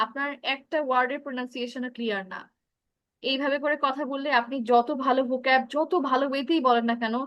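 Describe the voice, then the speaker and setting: High bright woman teacher, Bangladeshi accent. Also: no room sound. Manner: instructive, mixes Bengali and English. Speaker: English speaking teacher. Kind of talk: online class feedback.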